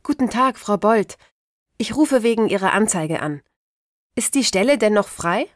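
A woman playing a polite, interested job applicant in a language-course dialogue, articulating clearly. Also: mid-range voice, expressive, moderate pace, no room sound, clean studio sound, lightly acted.

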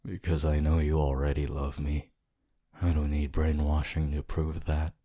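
Man voicing Hitoshi Shinsou, very deep husky flirt. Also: monotone, warm tone. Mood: smug, flirtatious. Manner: slow, halting, low-key delivery with sighs and pauses. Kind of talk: roleplay ASMR voice acting.

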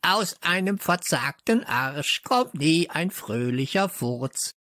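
A man reading a children's audiobook, voicing a rude talking parrot that croaks and screeches. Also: fairly high pitch, big pitch swings, takes it slowly, bright, forceful tone, no room sound, clean studio sound, pitched above the performer's own voice, exaggerated voice. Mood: cheeky.

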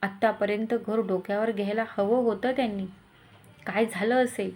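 A woman's voice: medium pitch, steady tone, normal speed, a little mellow, lightly acted. A woman voicing an anxious young wife and mother, talking in a flustered, worried way.

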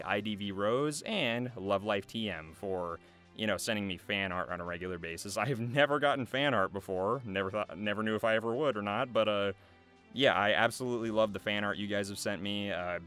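A young adult voice actor and video creator gives a casual, loosely scripted thank-you to camera, earnest in a low yet fairly bright voice with music behind him. He speaks into a large studio microphone close by in a small foam-treated booth.

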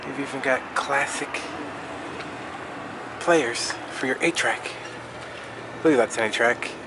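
A man's voice: medium pitch, a little slow, very noisy. A man with a nasal, stuffy voice from a cold, vlogging in an offhand, mumbling way while sightseeing and in his car. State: sick with a cold. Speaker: travel vlogger. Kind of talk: casual vlog narration. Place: outdoors in town and inside his car.

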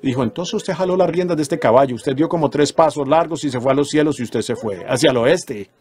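A man's voice: on the high side, brisk, a little mellow. A man preaching a sermon, retelling dreams earnestly and rising into emphatic exhortations.

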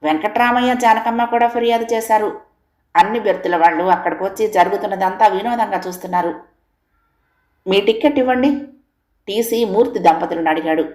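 Woman audiobook narrator, mid-pitched, roomy echoey recording. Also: fast talker, darkish tone. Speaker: storyteller. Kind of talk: audiobook narration of a family story.

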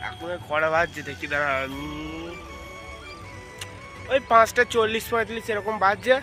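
A man's voice: high voice, lively intonation, normal speed, sharp tone. A young man, chatting to viewers while vlogging outdoors on a phone camera. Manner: chatty, keeps addressing viewers as friends. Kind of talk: casual travel vlog narration. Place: outdoors on village roads. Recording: background music under voice.

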